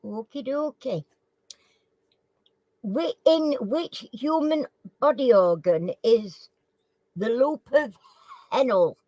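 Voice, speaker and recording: Toothless-sounding, slow-paced woman. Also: fairly high pitch, lively intonation, warm tone, no echo, rough recording. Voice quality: toothless, slightly slurred articulation. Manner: chatty, informal, repeats questions. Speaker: live chat quiz host. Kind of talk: casual live chat, reading out quiz questions.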